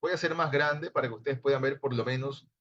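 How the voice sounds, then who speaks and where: A man's voice: medium pitch, quick pace, a bit bright. Man teacher, patient explainer, online class lecture over slightly dull video-call audio. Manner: explains patiently, addresses listeners as brothers. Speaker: Bible Hebrew teacher.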